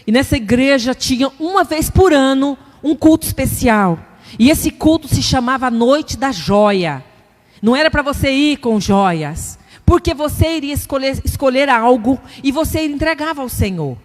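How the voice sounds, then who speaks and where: A middle-aged woman from Brazil preaching a testimony sermon, telling her story in an animated, conversational way and acting out inner voices. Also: sits high, normal speed, big-room sound.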